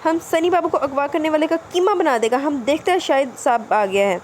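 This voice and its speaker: A woman's voice: high-pitched, darkish tone, a little hiss or hum, natural voice. A woman voicing a male household watchman who speaks with broken, rustic grammar. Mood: anxious.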